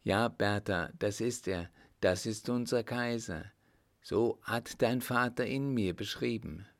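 Male reader doing a slow, reverent poor widow, voice raised a little. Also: on the low side. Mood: anxious. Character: anxious poor widow, humble and devout.

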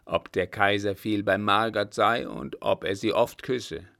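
A simple, blunt coachman in an audiobook, answering loudly and earnestly, slow and emphatic, as a man puts him on. His voice drops low and gravelly, full of naive pride. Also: fairly even intonation.

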